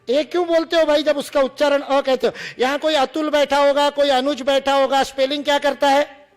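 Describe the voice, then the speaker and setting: A man from India lecturing to students, demonstrating sounds and teasing the audience with humor. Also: very high-pitched.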